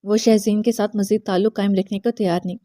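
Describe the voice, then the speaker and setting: A woman's voice: mid-range voice, steady tone, dark tone, dry recording, clean studio sound. A woman narrating a romance novel aloud, reading every character's dialogue herself with light voicing. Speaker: audiobook narrator.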